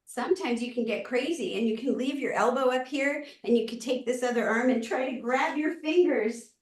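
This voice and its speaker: A woman with a fairly high voice leads casual stretches from a little way off the mic in a very echoey room. She instructs gently, encouraging people to go at their own comfort in an easygoing, conversational way. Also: moderate pace. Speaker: fitness class host. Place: indoor room, live online exercise session. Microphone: camera microphone at a distance. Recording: echoey room, distant microphone.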